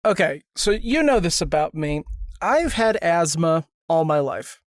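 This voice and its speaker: A woman's voice: low voice, big pitch swings, a little slow, no echo, clean studio sound. A woman from the Philadelphia area co-hosting a podcast in casual chat, joking playfully and laughing a lot. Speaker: podcast co-host.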